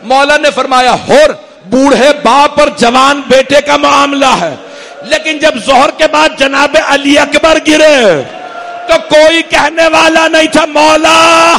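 A man's voice: extremely high pitch, fairly even intonation, vocal fry, bright, forceful tone, slight background noise. A man preaching at a mourning gathering, telling a lament story in a fervent, declamatory sermon. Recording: long hall reverb.

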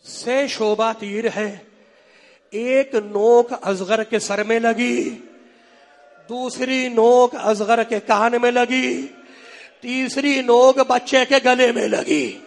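A man delivering an impassioned mourning sermon, half chanting and crying out in sing-song wails that rise to shouts. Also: very high voice, fairly even intonation, creaky. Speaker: preacher reciting a mourning sermon. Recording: long hall reverb with faint crowd.

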